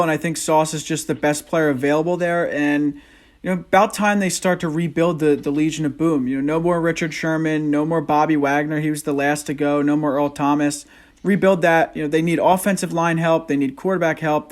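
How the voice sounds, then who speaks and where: A man's voice: on the high side, fairly even intonation, brisk. A man co-hosting a casual sports podcast, easygoing as he explains his picks.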